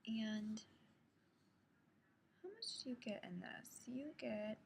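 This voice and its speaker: Young woman whispering a makeup demo late at night, a bit stuffy from a cold; gravelly texture, faint hiss. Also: fairly high pitch, sing-song, slow. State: has a cold, sniffly. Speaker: beauty vlogger. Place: home at night, others asleep.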